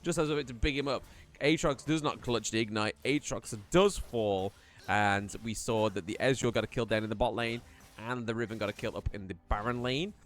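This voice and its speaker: A man casting a live esports match in a chatty, rambling play-by-play style that rises in excitement during fights. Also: medium pitch, brisk. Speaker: esports caster. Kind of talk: live play-by-play game commentary.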